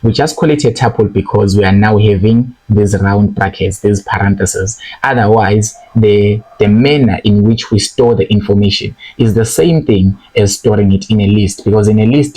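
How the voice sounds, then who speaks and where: Young male coding tutor, lowish voice, patient step-by-step delivery with frequent check-ins. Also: a little mellow, poor audio. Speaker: programming tutor. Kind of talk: screen-recorded coding lesson.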